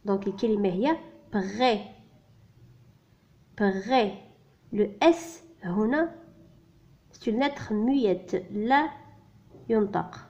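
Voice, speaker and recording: A woman's voice: medium pitch, slow, long pauses, a little mellow. A woman teaching French reading to beginners, spelling out letters and sounds one by one and repeating each word. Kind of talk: slow spelled-out reading lesson. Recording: dull lo-fi recording.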